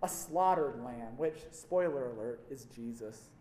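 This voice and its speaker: A man's voice: medium pitch, animated, unhurried, mellow, slight background noise. A man preaching a sermon, telling stories with wry asides and shifting emphasis. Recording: echoey hall.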